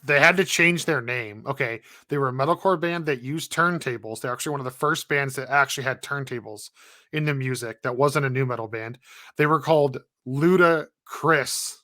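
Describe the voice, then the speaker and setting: A man co-hosting a casual gaming podcast, chatty and animated, who laughs easily while plugging the show. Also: mid-range voice, moderate pace, no room sound, clean studio sound. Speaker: podcast co-host.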